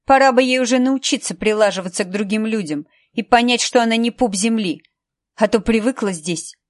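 A woman's voice: a little high, a little fast, no room sound, clean studio sound, lightly acted. A woman voicing a cold, sarcastic female assistant who speaks mockingly with steel in her tone.

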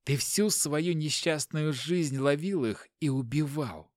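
A man's voice: fairly high pitch, takes it slowly, no room sound, clean studio sound. A man voicing a defiant woman who answers her husband coldly and firmly. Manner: cold, firm, quiet. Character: defiant woman, the inspector's wife.

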